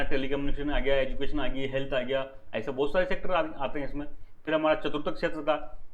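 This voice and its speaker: A man teaching an economics class in a slightly high voice. He poses questions to his listeners and answers them himself, and he repeats the key terms. He mixes English words into his explanations. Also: dull audio. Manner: addresses listeners as "dosto". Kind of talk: lecture.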